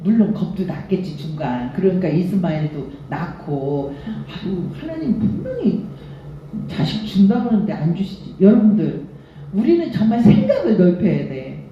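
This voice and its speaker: An older woman pastor giving a revival sermon, telling stories with lively, acted-out quoted voices. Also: fairly low pitch, normal speed, very echoey, lo-fi sound, a little hiss or hum. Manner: animated storytelling, acts out quoted voices. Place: church sanctuary.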